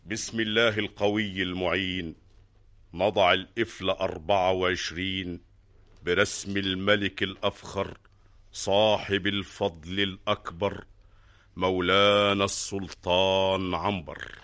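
A man's voice: sits low, fairly even intonation, a little slow, fairly bright tone. A man playing a solemn, cautious court official devoted to old tradition, ceremonious and deferential, in radio drama style with an Egyptian accent. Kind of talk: theatrical period radio drama acting.

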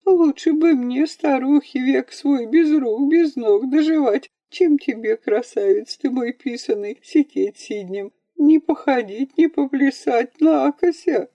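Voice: medium pitch, expressive, a little slow, mellow, no room sound, dull audio, pitched above the performer's own voice, natural voice. A reader voicing a blind old village grandmother who wails and laments in a singsong. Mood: wailing. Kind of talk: audiobook character voice.

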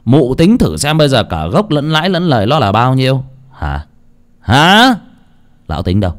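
A man voicing a rough, bullying male debt collector who barks his threats. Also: mid-range voice, sing-song, fairly quick, lightly acted. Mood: menacing. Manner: barking, bullying.

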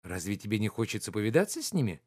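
A man's voice: lowish voice, big pitch swings, rapid-fire, darkish tone, no echo, studio quality. A man doing an agitated, impatient nobleman. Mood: urgent. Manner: urgent, pressing, commanding.

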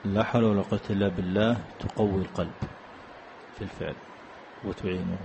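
A man giving a religious lesson in a large mosque, reading out questions and then explaining each one deliberately. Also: sits low, fairly even intonation, vocal fry, noisy background. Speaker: mosque teacher answering questions.

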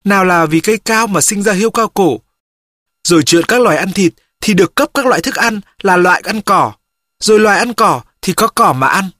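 Steady, dry audiobook narrator. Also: medium pitch, fairly quick, no echo. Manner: steady first-person storytelling.

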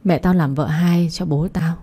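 A woman's voice: lowish voice, fairly even intonation, moderate pace, warm tone, husky. Woman reading as a blunt, pushy teenage schoolgirl. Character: spirited teenage schoolgirl, best friend.

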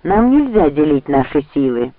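A man's voice: a little high, big pitch swings, moderate pace, no room sound. A man reading an audiobook, voicing a smug, scheming young nobleman with a sneering tone. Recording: dry, tinny phone-like sound.

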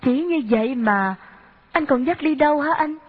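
A woman reading an audiobook, voicing an earnest, worried young woman who asks soft, pleading questions. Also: sits high, expressive, normal speed, pitched above the performer's own voice. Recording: dull lo-fi audio.

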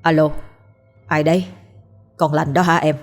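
Woman voicing a gruff, anxious older man. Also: low voice, little pitch movement, unhurried, faint music behind. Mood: puzzled. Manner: anxious, demanding, brusque. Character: frightened older man on a night phone call.

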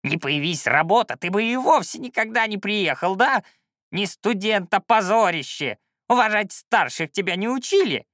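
A creaky, yelling old shaman. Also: sits high, expressive, normal speed, dry recording, clean studio sound, pitched above the performer's own voice. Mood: scolding. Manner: yelling, scolding. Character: scrawny old male shaman, cantankerous and loud. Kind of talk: audiobook character voice.

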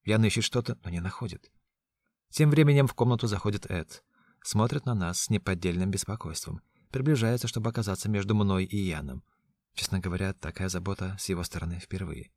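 A man narrating a story in a hushed, tense reading style. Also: low voice, a little fast, no room sound. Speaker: audiobook narrator. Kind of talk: scripted narration.

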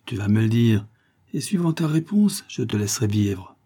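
A man voicing a brutal, menacing giant fisherman in an audiobook reading, gruff and sneering. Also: lowish voice, big pitch swings, moderate pace, dark tone. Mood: threatening.

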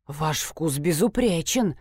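A woman doing a greedy male fur dealer in an audiobook, all oily flattery and pushiness. His sales talk comes slow and drawn out, set against a dry, close sound. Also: low voice, breathy edge, dry recording, pitched below the performer's own voice, exaggerated voice. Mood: wheedling.

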